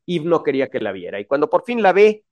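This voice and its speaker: A young Mexican man chatting excitedly in slangy casual talk, with many restarts. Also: fairly high pitch, fast, dull audio. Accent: Mexican Spanish. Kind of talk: casual chat.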